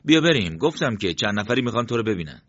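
A man's voice: lowish voice, very animated, fairly bright tone, dry recording, muffled recording, pitched above the performer's own voice. A man voicing a young man who dodges questions and urges someone along in a storybook reading. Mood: evasive. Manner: evasive, urging. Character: young man, evasive and hurried brother.

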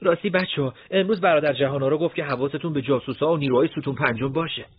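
Man voicing a hushed young teen fighter. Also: fairly high pitch, slightly rough, no room sound. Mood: earnest. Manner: urgent hushed talk. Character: young male teen fighter defending a city. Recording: tinny phone-like lo-fi audio.

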